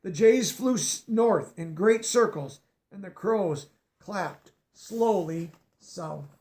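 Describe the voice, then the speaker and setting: A man with a high, animated, slightly mellow voice reads a picture book slowly and expressively. Every so often he stops to explain words for the young listeners.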